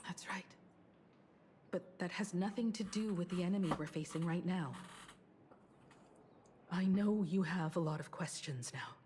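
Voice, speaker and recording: A woman voicing a calm, warm-toned companion. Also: on the low side, slight background noise, close to an everyday voice. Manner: steady, reassuring, measured.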